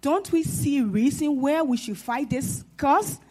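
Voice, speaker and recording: A Liberian-accented woman addressing a town hall from the floor. Her voice sits somewhat high, and she builds her points with earnest, formal, almost sermon-like conviction. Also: lively intonation, measured pace, warm tone. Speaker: audience member.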